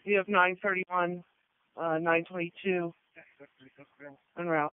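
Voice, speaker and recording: A man's voice: high-pitched, little pitch movement, slow, smooth, dry recording. A man working as an emergency dispatcher, giving clipped, procedural replies over a two-way radio. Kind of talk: terse radio dispatch traffic. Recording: narrow, tinny radio channel.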